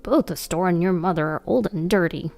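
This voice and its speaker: A woman voicing a rude, scornful older father-in-law in a flat, sneering tone. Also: on the low side, brisk, creaky, soft background music.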